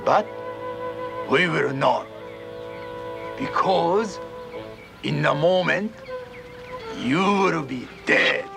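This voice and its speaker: A male ninja villain with a heavily gravelly voice, pitched a little high. He drawls each threat slowly, cold and sure of himself, over a music score in a 1980s action series. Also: expressive, exaggerated voice. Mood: menacing. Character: vengeful male ninja rival, cold and menacing.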